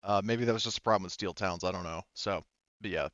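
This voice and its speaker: A man speaks fast in a low, slightly bright voice, with no echo but somewhat muffled audio. He's the game master of a tabletop role-playing game, chatting informally about rules and dice as he works them out aloud, sometimes swearing.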